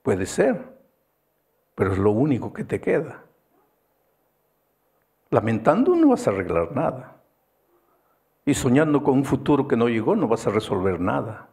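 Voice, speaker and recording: A middle-aged male pastor preaching a sermon with emphatic, repetitive phrasing that swings between low, quiet lines and high, urgent peaks. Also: very animated, a little slow, vocal fry, pauses often, breathy edge. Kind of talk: evangelistic sermon.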